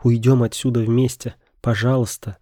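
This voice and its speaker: A man's voice: medium pitch, level tone, normal speed, mellow, no echo, studio quality, close to an everyday voice. A man doing a desperate pleading young woman. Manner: pleading, urgent.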